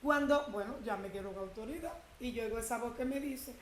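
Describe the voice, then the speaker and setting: A woman's voice: a little high, brisk, reverberant, slight background noise, low-quality recording. A woman preaching a testimony in a sermon, telling her story with emphatic quoted speech.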